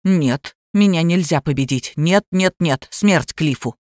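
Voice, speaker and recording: Brief: woman reading as a smug, domineering gamer man, voice dropped low, dry booth sound. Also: measured pace, darkish tone, no echo. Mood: furious. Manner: smug, then shrieking in fury. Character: self-styled god, obsessive male gamer.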